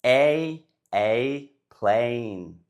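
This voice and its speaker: A man with a British accent teaching a phonics lesson, saying words slowly and clearly for learners to repeat after him. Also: mid-range voice, expressive, a little mellow. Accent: British English. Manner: slow, clear, deliberately enunciated words. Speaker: English pronunciation teacher.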